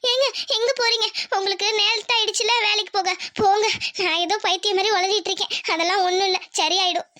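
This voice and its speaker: A woman voicing a tender, tearful young village wife in a cartoon, talking softly and apologetically. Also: very high voice, fairly even intonation. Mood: tearful, apologetic. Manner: soft, apologetic, quick to cry. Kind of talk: Tamil cartoon voice acting.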